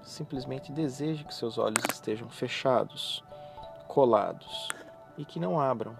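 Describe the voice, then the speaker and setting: A hypnotherapist guides a relaxation session, speaking softly at medium pitch with noticeable vocal fry. His phrases are slow, repetitive and soothing, separated by pauses. Music plays clearly beneath his voice.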